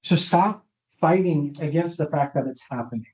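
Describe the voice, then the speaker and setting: This neuropsychologist's voice is on the high side, a little mellow, at a moderate pace. He gives an informal talk that invites audience questions, frequently stopping to ask if people are following. The online session audio sounds roomy, dull and lo-fi.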